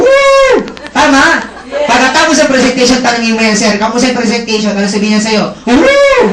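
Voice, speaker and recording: A man's voice: very high-pitched, echoey room, very noisy. A man giving a motivational seminar talk, teasing the audience and checking in with them often. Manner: lively, teasing crowd work with frequent check-ins. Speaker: seminar presenter. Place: indoor seminar room.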